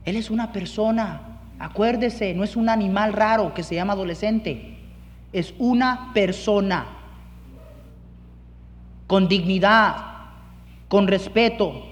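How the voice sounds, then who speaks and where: Male pastor, high voice, preaching, echoey church hall. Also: slow, pauses often, a little hiss or hum. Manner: preaching, mixes in English words, acts out scenes. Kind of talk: sermon.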